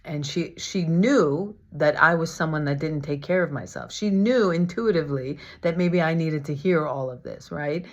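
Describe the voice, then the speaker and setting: A woman with a low-pitched voice shares a personal story in a casual, confessional way. She grows animated as she acts out what others said to her. The recording is a little dull and lo-fi. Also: moderate pace, few pauses. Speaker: vlogger sharing her healing story. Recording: slightly dull lo-fi sound.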